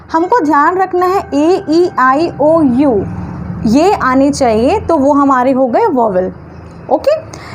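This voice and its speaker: A woman teaching English grammar, stretching words slowly into syllables and asking questions that she answers herself. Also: high voice, a little hiss or hum. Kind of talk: classroom-style grammar lesson.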